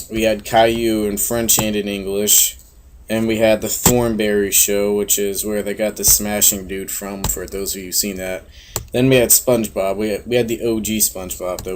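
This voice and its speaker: A young man from Florida with a monotone voice, giving laid-back, casual gameplay commentary full of fillers and offhand swearing. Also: fairly low pitch, a little hiss or hum. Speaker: game commentator.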